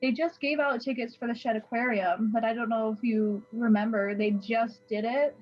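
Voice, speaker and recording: A woman's voice: fairly high pitch, fairly even intonation, moderate pace, lo-fi sound. A young woman, a student ambassador chatting casually in a bubbly, giggly, effusive way. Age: young adult. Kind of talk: casual chat.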